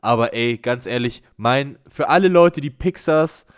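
A man co-hosting a casual chat show, telling a story with plenty of energy. He acts out the people in his anecdote and drops quick asides. His voice sits at a middle pitch. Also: smooth. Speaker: podcast co-host.

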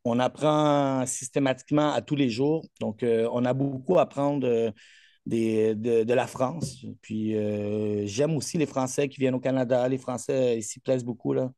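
A man's voice: mid-range voice, steady tone, moderate pace, mellow, no room sound, clean studio sound. A man with a Québécois accent, a coach chatting in an interview, boastful and rambling with many fillers. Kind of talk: casual interview chat.

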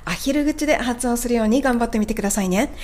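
A woman teaching English pronunciation on a podcast, slowly modelling sounds and gently prompting the listener to repeat. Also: a little high. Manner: slow, carefully modelled sounds, encouraging prompts.

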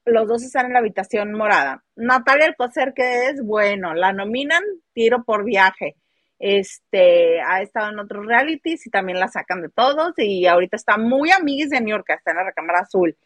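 A woman with a Mexican accent chatting casually about gossip, animated and mimicking people as she talks. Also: medium pitch, normal speed, no room sound. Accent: Mexican Spanish. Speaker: host.

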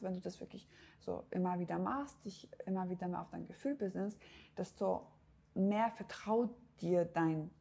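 A woman's voice: mid-range voice, creaky, darkish tone, husky. A woman hosting a self-help podcast, speaking directly to the listener in a coaching tone with frequent hesitations. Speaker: podcast host. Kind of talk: motivational self-help talk.

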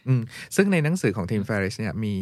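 A man's voice: on the low side, sing-song, a little mellow, no room sound. A man co-hosting a podcast who talks through a book in a casual way and runs through its points in numbered order. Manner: brisk, walks through points in numbered lists. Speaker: podcast co-host. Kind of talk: casual book-discussion chat.

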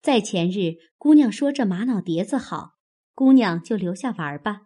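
A woman voicing a steady, motherly senior maid who gives calm instructions. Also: medium pitch, normal speed, lightly acted. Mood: composed.

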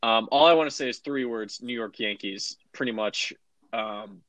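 A man's voice: mid-range voice, moderate pace, fairly bright tone, no room sound. Teasing, skeptical male co-host, dry studio sound. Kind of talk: casual chat.

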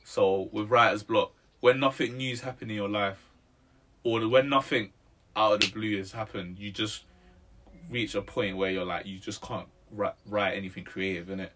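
A man in his twenties speaks with a fairly low pitch, fairly even intonation, and a fairly bright tone at normal speed, with slight background noise. Interviewed as a musician, he chats casually in a London roadman accent and street slang, tagging sentences with "innit" and "bro."

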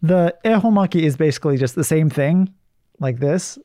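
A man's voice: fairly high pitch, normal speed, mellow, dry recording, clean studio sound. A man co-hosting a talk show, explaining things in casual conversation.

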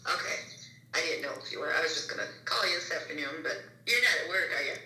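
A woman's voice: deep voice, lively intonation, fast talker, pushed and bright. A middle-aged woman calling in over speakerphone, chatty and laughing easily in a casual phone chat. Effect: heard over speakerphone. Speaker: caller, a host's mother. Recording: echoey speakerphone sound from far off.

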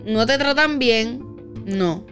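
A woman tells a story from her own life in a loose, chatty way. Her voice sits a little high, and she slips into the voices of the people she quotes. Soft music plays faintly behind her. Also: takes it slowly. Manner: animated, acts out quoted dialogue. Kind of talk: casual storytelling chat.

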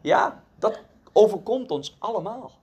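A man's voice: high voice, lively intonation, a little slow, darkish tone, slightly rough. A man giving a conversational devotional sermon, telling a story earnestly with casual asides.

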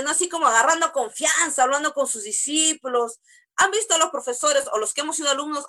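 Woman preacher, high bright voice, chatty sermon with lots of questions. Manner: animated, conversational, rhetorical questions.

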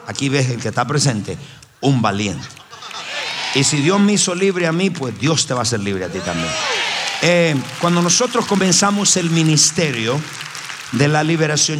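A man preaching a sermon as pastor, telling stories emphatically with his voice swinging high and low. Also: slight background noise. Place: church hall. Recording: roomy hall reverb with faint ambience.

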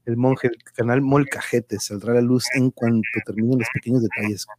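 A man's voice: mid-range voice, fairly even intonation, brisk, background noise. A man with a Mexican accent chatting casually and ramblingly as the host of an online livestream.

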